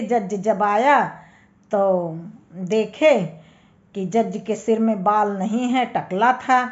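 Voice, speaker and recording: A woman slowly telling a homely folk tale, unhurried, with small hesitations. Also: fairly high pitch. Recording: dull lo-fi recording.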